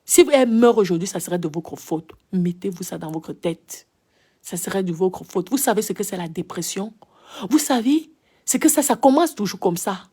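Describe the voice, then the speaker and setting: Repeated rhetorical questions drive this impassioned live-video monologue, in which a Cameroonian French-accented woman, a social media commentator, scolds her viewers. Her mid-range voice is warm and animated with a breathy edge, at a moderate pace.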